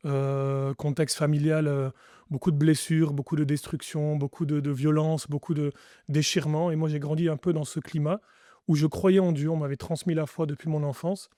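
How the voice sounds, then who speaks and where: Earnest French man, dark and dry. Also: fairly high pitch, flat delivery, moderate pace, no echo. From France. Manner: earnest, reflective, frequent restarts. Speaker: pastor, podcast guest. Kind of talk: testimony interview.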